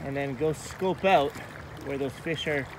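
A man's voice: on the high side, measured pace, background noise. Upbeat man vlogging by a creek. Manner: upbeat, explanatory, talking to camera while walking. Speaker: fishing vlogger host. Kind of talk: outdoor fishing tutorial vlog. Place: outdoors by a wooded creek. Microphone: phone or camera at arm's length.

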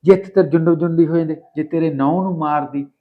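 A man's voice: on the high side, fairly even intonation, quick pace. Coaxing man, lo-fi sound. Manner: coaxing, sweet-talking. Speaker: actor playing a married man courting another woman. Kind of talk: Punjabi short film acting.

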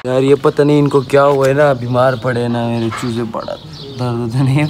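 A man's voice: medium pitch, little pitch movement, normal speed. Young man, 20s, casual tour vlog, phone at arm's length, outdoors, birds and ambient noise behind. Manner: chatty, keeps tagging "na" onto lines while showing viewers around. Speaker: vlogger. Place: outdoors on a rooftop and a village yard. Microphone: phone held at arm's length.

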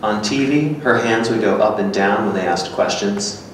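In a staged reading of a literary two-person script, a man plays a matter-of-fact, musing character in a voice that sits low and close to everyday speech, at a moderate pace. He's recorded on a stand microphone in an echoey gallery room with hard walls, sounding distant with faint noise.

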